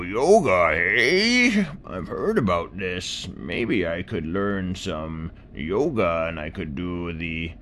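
A man voicing a very old male tortoise who moves slowly and complains about his back, in a bedtime story. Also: fairly bright tone. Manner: slow, high, creaky old voice.

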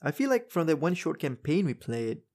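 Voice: mid-range voice, sing-song, fairly quick, darkish tone. A podcast host chatting casually and earnestly with a guest about tabletop games and the skills they use.

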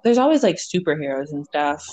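Husky, low-voiced young woman. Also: sing-song, a little mellow, no echo. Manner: laid-back, drawn-out fillers, teasing. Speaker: podcast co-host. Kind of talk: casual chat.

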